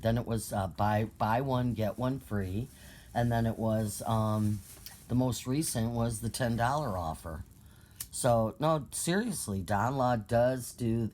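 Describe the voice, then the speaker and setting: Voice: medium pitch, a little mellow. A streamer in a casual angry rant, profane and mocking, with sarcastic jabs and heated outbursts. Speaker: live-stream ranter.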